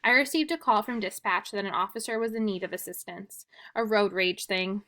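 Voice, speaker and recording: Bright-voiced woman teacher reading aloud. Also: mid-range voice, brisk. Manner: plain, even reading with occasional restarts and ums. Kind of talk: reading a witness statement aloud for a class.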